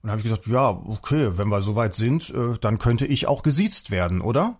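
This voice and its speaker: A man telling a personal story in casual chat, animated, acting out the people he quotes. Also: on the low side, fairly quick, slightly rough.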